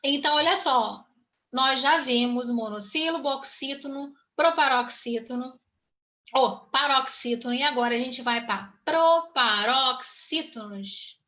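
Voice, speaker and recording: A woman's voice: high voice, unhurried, pushed and bright, lo-fi sound. A woman teaching an online grammar lesson, patiently repeating points and checking in with her students.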